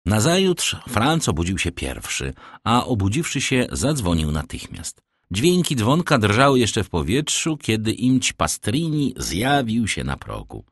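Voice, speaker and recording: A man narrating a classic novel as an audiobook in a measured storytelling manner. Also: lowish voice, wildly swooping pitch, no echo, studio quality.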